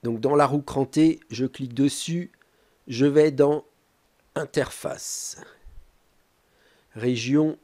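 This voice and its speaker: A man presenting a step-by-step tech tutorial, talking calmly with frequent hesitant filler pauses. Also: mid-range voice.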